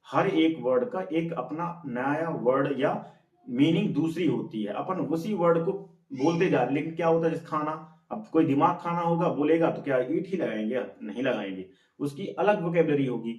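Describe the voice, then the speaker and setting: A man's voice: on the high side, moderate pace, a little mellow, lo-fi sound. A male English teacher with an Indian accent, teaching a class and drilling words by repetition, often asking and answering his own questions. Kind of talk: classroom lesson. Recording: echoey room, mic far off.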